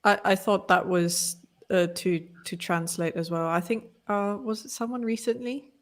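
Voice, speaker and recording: Speaking at a moderate pace with a steady tone and medium pitch, a woman who grew up speaking Malay co-hosts a podcast. She's chatty and opinionated, and her casual talk is full of restarts.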